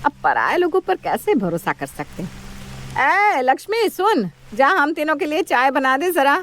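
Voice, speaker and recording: A woman voicing a bossy, sharp-tongued elderly mother-in-law in a storybook cartoon. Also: sits high, sing-song, normal speed, a little hiss or hum, pitched above the performer's own voice. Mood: taunting.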